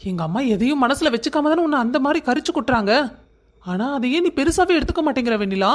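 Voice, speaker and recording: A woman voices a tender young husband in a cartoon, gently reassuring. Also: very high voice, animated, fast. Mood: soothing. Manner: soothing, affectionate. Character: loving young husband, soothing.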